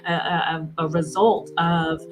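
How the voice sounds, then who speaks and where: A woman in her forties, a guest in an interview, telling her story earnestly with halting restarts. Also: lowish voice, level tone, faint music behind, low-quality recording. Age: 40s.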